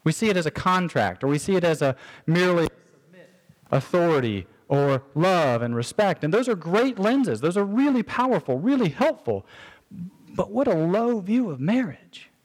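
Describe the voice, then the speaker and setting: A man's voice: high voice, very animated, normal speed. A man preaching a conversational sermon, acting out everyday quotes, with frequent restarts and repeated words. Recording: reverberant hall sound.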